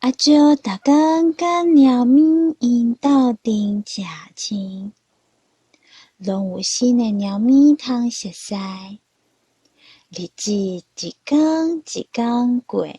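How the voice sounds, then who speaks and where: Slow, husky woman telling a children's story. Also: on the high side, mellow, dry recording.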